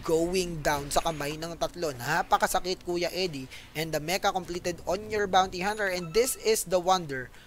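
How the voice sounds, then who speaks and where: Filipino male esports caster, high-pitched, animated play-by-play, bright edge. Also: moderate pace, few pauses, a little hiss or hum. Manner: animated, mixes Tagalog and English, keeps calling out to viewers. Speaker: esports commentator. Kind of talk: live esports play-by-play commentary.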